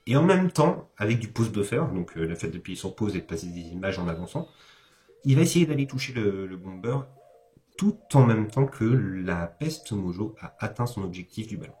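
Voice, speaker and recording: A video game commentator and host gives casual speedrun commentary over background music, explaining as he goes. His voice is fairly low and darkish, and he hesitates, corrects himself, and drops informal asides.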